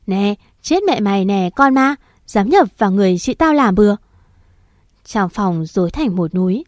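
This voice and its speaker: A woman's voice: medium pitch, dry recording. Woman reading a dramatic story, dry. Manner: voices the characters' shouted lines with rising intensity. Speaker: audiobook narrator.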